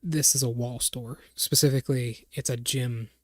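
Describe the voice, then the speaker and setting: A man's voice: mid-range voice, steady tone, normal speed, no room sound, clean studio sound. A man narrating a tabletop game as game master, rambling and searching for words as he explains.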